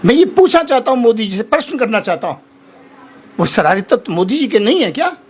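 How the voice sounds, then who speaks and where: Brief: male holy man as debate guest, husky high voice, passionate and pleading, repeats his points. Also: very animated, brisk. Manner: impassioned, pleading, repeats himself. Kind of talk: heated televised debate.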